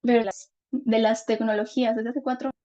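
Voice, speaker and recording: Give me a fairly high-voiced woman lecturing over a choppy, cutting-out video call. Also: little pitch movement, normal speed, warm tone, dull audio. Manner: explanatory, keeps checking if she is heard. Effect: choppy, cutting-out video call audio. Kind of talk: online class lecture.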